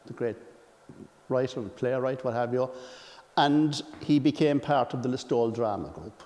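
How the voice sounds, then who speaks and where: A man with an Irish accent giving an informal biographical account from memory, often clearing his throat. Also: mid-range voice, moderate pace, warm tone. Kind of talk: informal spoken biographical reminiscence. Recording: reverberant hall.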